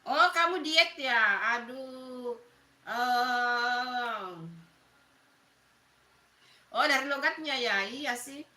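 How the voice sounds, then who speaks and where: The speaker is a middle-aged woman from Makassar, South Sulawesi, with a local accent, chatting with viewers by name on a casual live stream and laughing often. She talks very slowly with long pauses in a high, pushed, bright voice. The mic picks her up from a distance in an echoey room.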